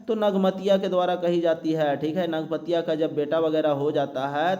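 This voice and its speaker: A man teaching an exam-prep lecture. He reads each question slowly, then explains the answer step by step. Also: a little high, steady tone, dark tone, highs cut off. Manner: explains step by step, frequent "ठीक है" and "दोस्तों".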